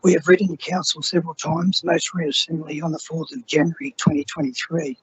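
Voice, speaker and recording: A man reads his prepared statement to a council chamber, his voice hoarse and almost gone. The delivery is formal and steady, pitched a little high, with a very rough, husky texture throughout. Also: a little fast, no echo, highs cut off. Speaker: resident addressing council.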